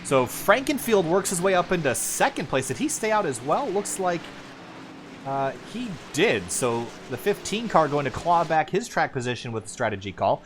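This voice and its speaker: A man calling sim racing play-by-play as lead commentator, quick and building excitement during the action. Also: a little high, faint music behind.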